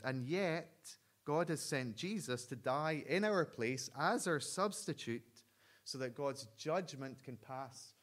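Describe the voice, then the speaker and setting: A man preaching a sermon, telling a story earnestly and dropping to a hush at the solemn points. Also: medium pitch. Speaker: pastor.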